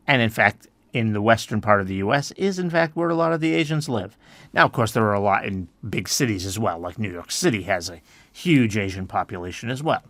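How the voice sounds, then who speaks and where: A podcast host from the United States explains things in a relaxed way on his educational show, often saying "I mean" and restarting sentences. His voice is lowish and brisk, and there's no echo.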